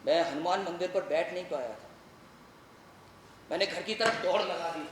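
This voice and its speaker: A man giving a dramatic solo storytelling performance, moving between hushed narration and shouting. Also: high-pitched, moderate pace, distant mic, noisy background. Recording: echoey room with faint ambience.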